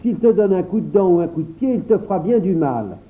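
A man's voice: high voice, animated, fairly quick, pitched above the performer's own voice. A cautious boy, doubtful and worried, played by a man reading a storybook. His voice is lifted well above the reader's own. Everything sounds tinny, as through a phone. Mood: wary. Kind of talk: storybook narration.

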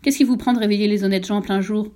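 A woman's voice: mid-range voice, steady tone, racing, mellow, natural voice. A woman voicing an angry big male wild boar who scolds in an irritated voice, in a storybook reading.

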